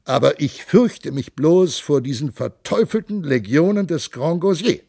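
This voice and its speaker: A man voicing a boastful warlord king who declaims loudly and grandly, with a gravelly voice. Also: fairly high pitch, animated, measured pace, dry recording, studio quality, pitched above the performer's own voice, heavily acted.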